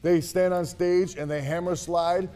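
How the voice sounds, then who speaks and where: A man's voice: sits high, flat delivery, measured pace, mellow. A man co-hosting a comedic festival infomercial, announcing acts in a mock-dramatic, repetitive and profane way.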